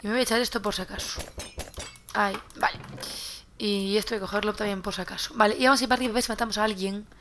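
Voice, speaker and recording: A woman's voice: medium pitch, steady tone, very fast, a bit bright, slight background noise. A young woman from Spain with a Spanish accent, chatting casually while playing a game and often repeating words as she loots. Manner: chatty, repeats words while looting, swears when surprised. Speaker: gaming youtuber. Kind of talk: casual gameplay commentary.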